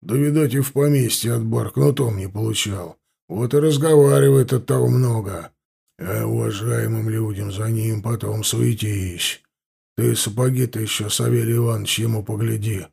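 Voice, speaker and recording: A man's voice: lowish voice, normal speed, vocal fry, mellow, breathy edge, exaggerated voice. Man doing a fawning old sergeant. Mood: grumbling. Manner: servile, grumbling. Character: older fawning male veteran sergeant.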